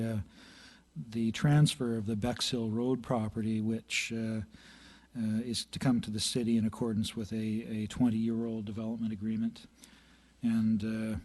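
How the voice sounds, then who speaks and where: A man with a slightly hoarse voice presenting a planning budget report at a city council meeting into a chamber microphone, halting with many fillers and clearing his throat. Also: fairly low pitch, darkish tone. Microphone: meeting room microphone.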